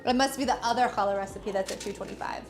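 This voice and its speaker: A woman's voice: mid-range voice, fast, faint music behind. A woman chatting casually while baking in a home kitchen, talking playfully to viewers. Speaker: home baker, co-host. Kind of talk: casual kitchen chat on a livestream.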